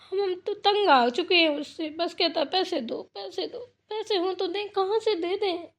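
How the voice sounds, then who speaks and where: In a cartoon family drama, a woman voices a troubled married daughter who sounds worried and pleading, complaining in a plaintive, wordy way. Her voice is very high-pitched, and she speaks at a normal speed.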